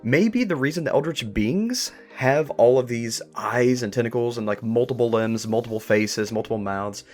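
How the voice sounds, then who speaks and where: A podcast host interviewing creators speaks in a medium-pitched male voice with a darkish tone at a normal pace, with faint music in the background. He talks ideas through in a reflective, wordy way during a thoughtful interview conversation.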